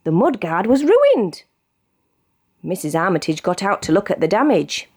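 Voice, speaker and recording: A woman with a British accent and a mid-range voice reads a children's storybook aloud at a normal speed, narrating expressively.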